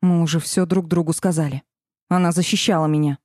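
A woman's voice: sits low, steady tone, brisk, darkish tone, dry recording, studio quality. A woman voicing a fiery young red-haired witch in an audiobook, hissing and indignant.

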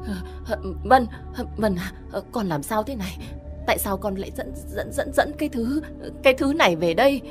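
A woman's voice: mid-range voice, normal speed, close to an everyday voice. A woman playing a terrified, stammering old mother. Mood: frightened. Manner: stammering, pleading. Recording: long hall reverb with music.

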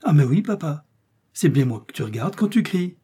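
A man voicing a cheeky, stubborn tiny girl mouse with a shrill, insistent voice in a storybook reading. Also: big pitch swings, normal speed, warm tone, husky, heavily acted.

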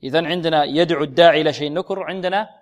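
Man, Quran recitation teacher, fairly high voice, asks and answers his own questions, recites words slowly. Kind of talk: tajweed lesson with recitation.

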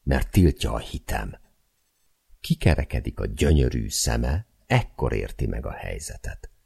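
A man narrates an audiobook in the first person, close and measured. His voice sits extremely low, with a gravelly, husky grain. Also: big pitch swings, a little mellow.

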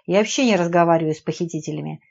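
Woman reading sharp-tongued middle-aged housewife sleuth, indignant, dull lo-fi audiobook audio. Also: lowish voice, very fast, gravelly.

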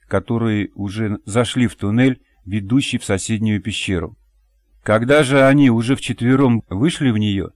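A man narrating an audiobook in an even, measured reading voice. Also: fairly low pitch, no echo. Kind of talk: scripted narration.

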